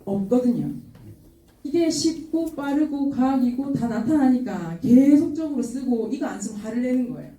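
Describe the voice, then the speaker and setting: Animated woman speaker in an echoey hall. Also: high voice, moderate pace, a little hiss or hum. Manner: animated, laughing, acts out quoted customers. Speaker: product seminar speaker. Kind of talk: lively sales seminar talk. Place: seminar hall. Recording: roomy hall sound from far off.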